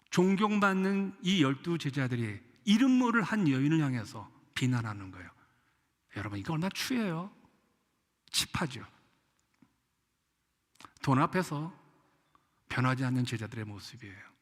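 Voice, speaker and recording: A man's voice: a little high, very animated, unhurried, long pauses, fairly bright tone. A man preaching a sermon as pastor, with an impassioned delivery that acts out the people he quotes. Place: church sanctuary. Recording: echoey church hall.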